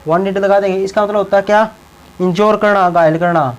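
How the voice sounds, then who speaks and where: Male teacher, high-pitched voice, repetitive, explanatory classroom lesson. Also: fairly even intonation, fairly quick, poor audio. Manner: repeats words and tags lines with a check-in phrase. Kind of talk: classroom lesson explaining English verbs in Hindi.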